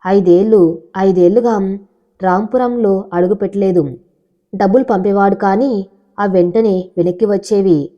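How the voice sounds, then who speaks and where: A woman narrating a scripted love story in an even, measured way. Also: medium pitch, highs cut off.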